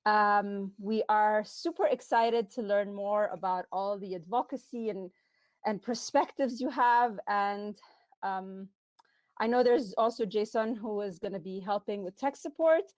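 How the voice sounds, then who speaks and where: A woman's voice: mid-range voice, measured pace, no echo. Woman moderator, dry close sound. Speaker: moderator introducing speaker. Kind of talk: reading an introduction.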